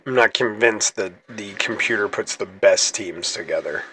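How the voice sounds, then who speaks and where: A man's voice: lowish voice, moderate pace, pushed and bright, a little hiss or hum. A man hosting his gaming channel, chatting casually through gameplay, rambling and correcting himself as he goes. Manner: chatty, rambling, self-correcting, laughs easily.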